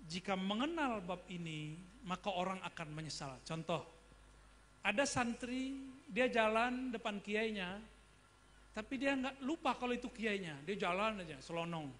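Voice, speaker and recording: A man's voice: sits high, lively intonation, a little slow, fairly bright tone, slight background noise. A man giving a religious study lecture, talking casually and often asking his listeners questions. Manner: conversational, asks the audience questions. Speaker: preacher. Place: study gathering.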